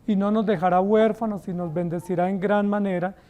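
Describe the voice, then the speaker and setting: A man's voice: sits high, steady tone, a little fast, warm tone. A male pastor with a Colombian accent preaching a sermon, emphatic and asking the congregation rhetorical questions. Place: church.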